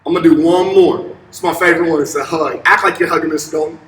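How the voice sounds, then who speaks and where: Casting: young male PE teacher, high-pitched, upbeat and encouraging with kids, heard at a distance in a big gym. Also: fairly even intonation, quick pace, fairly bright tone. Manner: upbeat, encouraging, simple short directions to kids. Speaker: elementary physical education teacher. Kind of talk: instructional fitness demonstration for children. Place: large empty indoor school gymnasium. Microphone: camera a few steps away. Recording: echoey gym, distant camera mic.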